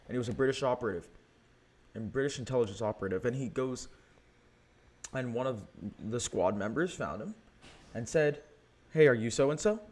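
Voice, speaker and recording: A young man with an American accent talks through history like he's chatting with friends. His pitch sits in an ordinary middle range but swings about a lot as he tells the story. He leans on fillers and keeps it loose and conversational. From United States. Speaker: history podcast host. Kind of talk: casual history talk.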